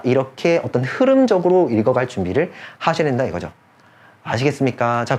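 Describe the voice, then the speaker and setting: A male English grammar teacher giving an online lesson. His voice swings up and down through each explanation. He keeps checking that his students follow and slows down to draw out the important phrases. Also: medium pitch, a little mellow. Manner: checks in with students constantly, repeating key points; drawls key phrases slowly for emphasis. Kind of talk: online lecture.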